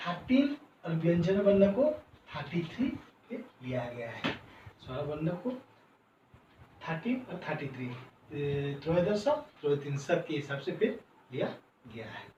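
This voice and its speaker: A man teaching as a Sanskrit teacher, slowly explaining each point in Sanskrit and then again in Hindi. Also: high voice, warm tone. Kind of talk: classroom lesson. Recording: roomy, distant, dull sound with faint noise.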